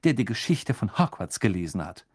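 A man voicing a clever know-it-all schoolgirl who explains things briskly. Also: lowish voice, sing-song, a little mellow. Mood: lecturing. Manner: brisk and lecturing.

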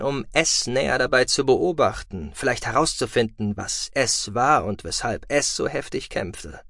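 A man narrates an audiobook in a calm, measured, expressive way. His voice sits at a middle pitch. The recording is dry and close, with no room sound. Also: gravelly, dry recording. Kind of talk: scripted narration.

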